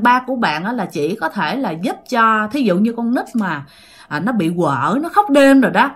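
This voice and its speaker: A woman in a mid-range, slightly bright voice tells a ghost story informally and talkatively, addressing her listeners directly again and again.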